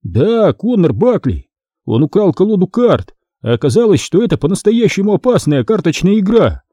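Man playing a worked-up 12 yr old boy, higher voice, dark and husky underneath. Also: big pitch swings, normal speed, no echo, clean studio sound, full character voice. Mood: exasperated. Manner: exasperated, insistent. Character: indignant twelve-year-old boy who loves fantasy books. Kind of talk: audiobook character voice.

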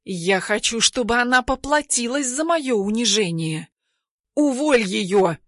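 A woman reader voicing a haughty, spiteful young woman who yells and sneers in an audiobook. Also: on the high side, lively intonation, unhurried, no echo, clean studio sound. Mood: furious.

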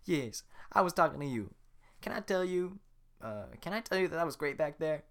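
A man voicing a hyper talkative, boastful male donkey in a fan reading of a cartoon script, with fast, excitable chatter. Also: a little high, voice pushed up. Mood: excited.

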